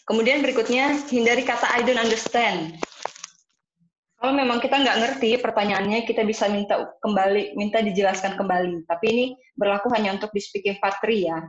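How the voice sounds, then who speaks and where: A woman's voice: medium pitch, fairly even intonation, fast, few pauses. A woman from Indonesia, an IELTS speaking teacher, explaining a lesson in a casual way, with hesitations and English terms mixed in. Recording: echoey room, dull sound.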